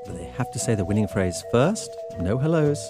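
A man's voice: lowish voice, sing-song, brisk, loud music behind the voice. A man hosting a radio travel show, chatting live and informally.

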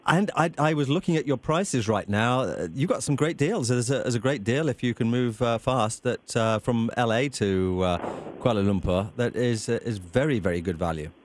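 A man's voice: medium pitch, normal speed. Enthusiastic male travel host, mid-range voice. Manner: gushing, enthusiastic. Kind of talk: casual radio interview chat. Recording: faint background noise.

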